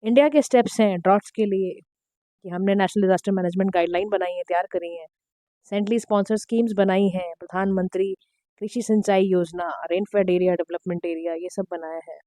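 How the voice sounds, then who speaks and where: A woman teacher, giving an exam-prep lecture in a direct, instructive way, her throat slightly hoarse. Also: mid-range voice, fairly even intonation, a little fast, warm tone, no echo. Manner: direct, instructive, mixing Hindi and English. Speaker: current affairs teacher.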